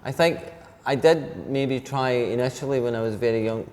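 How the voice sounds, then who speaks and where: In a relaxed interview, a fifty-something teacher from Scotland who heads an English department takes care to talk slowly and clearly. He has a medium-pitched, slightly mellow voice, heard through long reverb with faint noise behind it.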